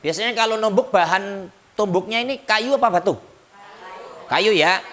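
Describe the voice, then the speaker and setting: A man preaching to a gathering of women in a light, joking way. He keeps turning to his listeners with questions and banter. His voice sits high and sounds bright and forceful. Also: moderate pace. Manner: joking, chatty, addresses listeners directly. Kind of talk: humorous sermon to a women's gathering.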